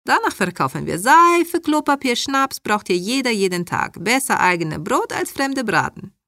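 A woman voicing a bossy middle-aged immigrant mother who speaks broken German, loud and high. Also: sing-song, moderate pace, dry recording, studio quality, full character voice. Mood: scheming.

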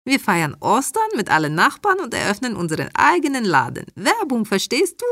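A woman voicing a bossy middle-aged immigrant mother who speaks broken German, loud and high. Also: huge pitch swings, moderate pace, no room sound, clean studio sound, full character voice. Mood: scheming.

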